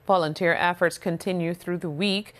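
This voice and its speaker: Female studio news anchor, slightly low voice, polished clean delivery. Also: fairly even intonation, normal speed, fairly bright tone.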